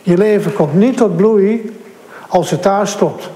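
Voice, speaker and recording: A male preacher, his voice pitched high for a man. He speaks earnestly and turns to his listeners directly, stressing points by repeating them. The sound rings with the long reverb of a church hall. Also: slow pace, warm tone. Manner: earnest, repetitive emphasis, addresses listeners directly. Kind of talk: sermon. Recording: echoey hall.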